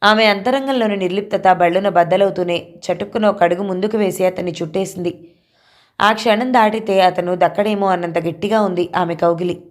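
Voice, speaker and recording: A woman narrating an audio novel in a steady, expressive storytelling manner. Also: medium pitch, brisk. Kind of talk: reading a novel aloud.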